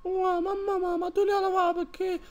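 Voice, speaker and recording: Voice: very high voice, level tone, moderate pace. A performer voicing a sceptical, needling heckler in a comic dub, with a Neapolitan accent and mocking street slang.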